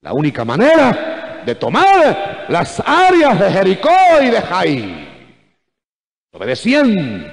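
Brief: high-voiced, animated male preacher delivering a fiery sermon in a reverberant church hall. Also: takes it slowly, vocal fry, pauses often. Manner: emphatic, rising to shouts; repeatedly addresses listeners as brother. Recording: echoey church hall, 1980s recording.

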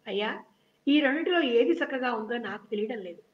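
A woman's voice: a little high, expressive, brisk, close to an everyday voice. A woman reading the lines of a clever, bold female painter and go-between who coaxes and scolds, in a children's story reading. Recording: dull lo-fi recording.

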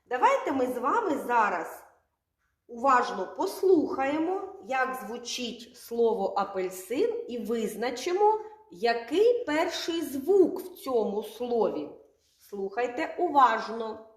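Slow, lively-voiced kindergarten teacher. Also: female voice, fairly high pitch. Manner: slow, drawn-out sounds, asks children questions. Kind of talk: literacy lesson for young children. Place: classroom. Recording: echoey room, from far off.

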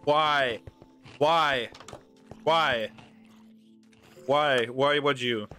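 A young man with a medium-pitched voice speaks very slowly over background music while hosting his gaming channel. His gameplay chat is casual, with frequent swearing and rambling whenever he gets exasperated.

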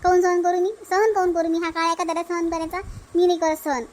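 A woman's voice: extremely high pitch, flat delivery, fast, a little mellow. A woman voicing a defiant young married woman in a cartoon dub, with a Varhadi Marathi accent and an aggrieved, insistent way of speaking. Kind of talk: cartoon dubbing.

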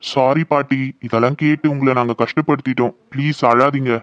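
Man doing a high-voiced puzzled young man. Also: steady tone, fairly quick, clean tone, no room sound, dull audio, close to an everyday voice. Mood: apologetic. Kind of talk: cartoon voice acting.

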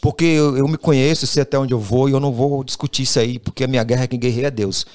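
Guy on a podcast, rattles off his story quick, keeps acting out what everyone said. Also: medium pitch. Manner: animated, acts out quoted dialogue, says "velho" constantly. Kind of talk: casual storytelling.

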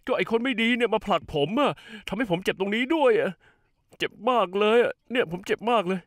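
A man's voice: high-pitched, a little fast, a bit bright, no room sound, studio quality. Childlike, whiny young man. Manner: innocent, whiny, playful. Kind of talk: dubbed TV drama acting.

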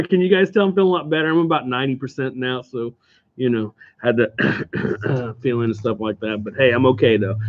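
A man with an Oklahoma accent hosting a live card sale from a game store, joking and hawking prices to viewers. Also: medium pitch. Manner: jokey, playful hawking. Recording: dull lo-fi stream audio.

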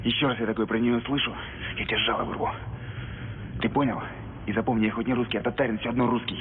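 An actor playing a tough, threatening young soldier who talks in brash, confrontational street slang. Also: male voice, mid-range voice, steady tone, fast talker, slight background noise, lightly acted. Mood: menacing. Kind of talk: film acting. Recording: phone-like film audio with music.

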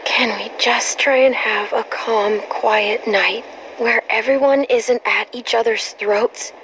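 A woman's voice: on the high side, steady tone, slow, fairly bright tone, a little hiss or hum, rough recording. A woman voicing a young girl survivor in a video game, composed, earnest and plain-spoken. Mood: earnest, firm. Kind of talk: naturalistic video game acting. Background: background music.

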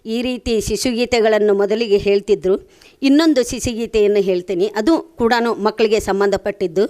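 A woman's voice: mid-range voice, a little fast. A woman singing traditional nursery rhymes and lullabies, with short spoken introductions between them. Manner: sings in a gentle lilting lullaby tune. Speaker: program participant reciting children's songs.

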